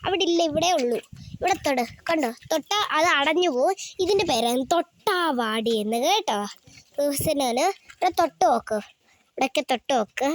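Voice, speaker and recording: A woman's voice: high-pitched, lively intonation, normal speed, no room sound. A young woman chatting casually to viewers on a walking vlog outdoors, filmed on a handheld phone. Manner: chatty, addresses viewers as guys and urges them to subscribe. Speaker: vlogger and parent. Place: outdoors by the road near her house, windy.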